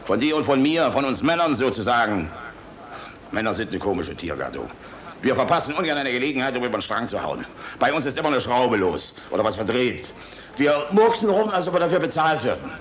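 In a German radio play, an older man voices a gruff, fatherly, world-weary army general who blusters and philosophizes, moving between barking and tenderness. His mid-range voice sits close to everyday speech, with a faint hiss or hum. The mood is impassioned and philosophical.

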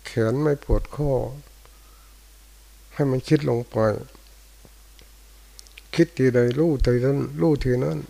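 An older male Buddhist monk, giving a dharma talk in short, unhurried phrases with pauses. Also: fairly high pitch, fairly even intonation, creaky, mellow, low-quality recording. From Thailand. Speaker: monk teacher. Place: monastery hall after morning chanting.

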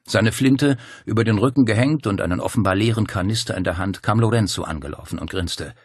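An audiobook narrator reads a thriller in a steady, measured storytelling style from a script. His voice is lowish and slightly rough, captured in a dry, clean studio recording.

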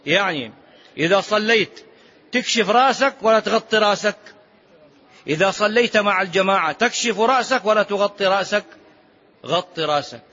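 High-pitched male preacher, formal Arabic, muffled recording. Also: animated, moderate pace, long pauses, bright, forceful tone. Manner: formal Standard Arabic mixed with colloquial question-and-answer asides; didactic, repeats phrases and quizzes listeners. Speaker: preacher teaching before congregational prayer. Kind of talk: religious lesson, explaining scripture. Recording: muffled, dull lo-fi lecture recording.

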